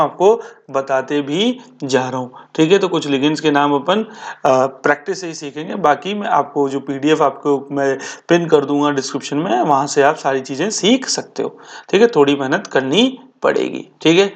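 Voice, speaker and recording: A male chemistry teacher talks through a board exam revision lecture. He keeps posing quick questions to his students and answering them himself. He drags out key terms slowly for emphasis. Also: fairly high pitch. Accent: Hindi-speaking Indian. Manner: addresses students as beta and bhaiya.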